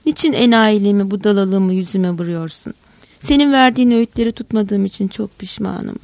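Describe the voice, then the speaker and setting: A woman's voice: medium pitch, a little fast, creaky, a little mellow, dry recording, lightly acted. A woman reading aloud voices a bitter, regretful old man of seventy-five on his deathbed, speaking in a tired, complaining way.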